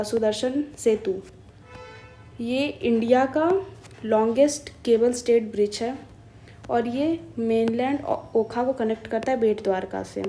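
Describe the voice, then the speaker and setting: A woman from India walks exam students through a newspaper. Her voice sits a little high, with a soft, mellow tone. She chats her way through each point, slipping into English phrases and pausing to search for the right word. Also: a little hiss or hum. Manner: chatty and explanatory, mixing in English phrases; thinks aloud with hesitations and self-corrections. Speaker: current-affairs teacher.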